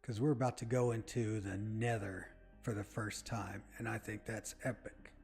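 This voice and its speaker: A man's voice: lowish voice, steady tone, moderate pace, vocal fry, darkish tone. A man casually commentating his game as he plays, rambling and talking to his viewers. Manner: rambling, chatty, talks to viewers. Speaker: gaming channel host. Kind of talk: casual let's-play commentary. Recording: faint background music.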